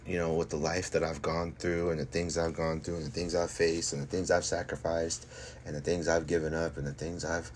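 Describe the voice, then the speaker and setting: A man's voice: deep voice, level tone, a little fast. A man speaking off the cuff as a fighter on a casual stream, cocky and boastful, hammering his points with emphatic repetition and slangy swearing. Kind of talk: casual livestream monologue. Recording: noticeable background noise.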